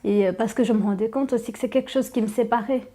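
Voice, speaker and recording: Woman, 20s, from Rwanda, mellow tone, hesitant personal testimony. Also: on the high side, fairly even intonation, fast. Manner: hesitant, repeating words.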